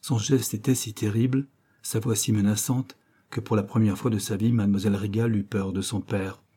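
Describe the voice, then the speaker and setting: A man narrating a classic novel as an audiobook, in a measured, even storytelling voice. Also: fairly low pitch, slightly rough. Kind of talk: scripted literary narration.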